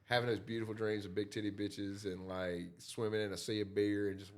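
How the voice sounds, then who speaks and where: A man with a Southern accent, hosting a casual chat, loud and swearing. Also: lowish voice, level tone, a little fast. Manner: loud, swearing, laughing outbursts. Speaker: host.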